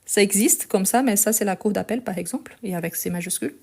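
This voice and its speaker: Medium in pitch with a darkish tone and vocal fry, a woman corrects a text stage by stage during a live online French lesson. She talks into a hand-held phone, patient and slow, repeating words and peppering her speech with "donc".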